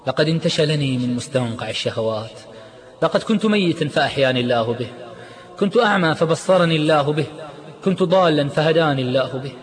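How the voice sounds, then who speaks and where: A man's voice: fairly high pitch, expressive, fast talker, big-room sound, voice pushed up, close to an everyday voice. A man doing a tearful, pleading young man. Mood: fervent pleading.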